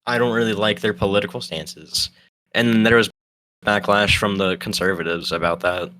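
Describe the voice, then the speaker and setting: A man's voice: on the low side, steady tone, moderate pace, pushed and bright, no room sound, rough recording. A young man, co-hosting a podcast in a rambling, hesitant way, tired from no sleep. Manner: rambling, hesitant, lots of fillers and restarts. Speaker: podcast co-host. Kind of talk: casual chat.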